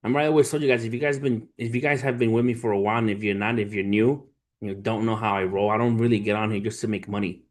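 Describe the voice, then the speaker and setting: Speaking fast and flat in a lowish register, this thirty-something livestream host and trader swears freely and uses street slang. He treats his audience like family while mixing casual chat, stories and motivational talk.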